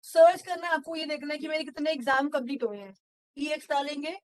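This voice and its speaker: A woman running a software training session, explaining step by step with frequent fillers. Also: sits high, steady tone, quick pace. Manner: mixes Hindi and English, explanatory, frequent fillers. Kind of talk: screen-share training walkthrough.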